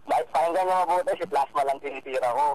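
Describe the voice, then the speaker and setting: A man with a Filipino accent, a rapper getting a prank call, argues defensively on the phone, repeating himself and tacking on questions. His fairly high, slightly mellow voice moves fast, with crowd noise behind the call.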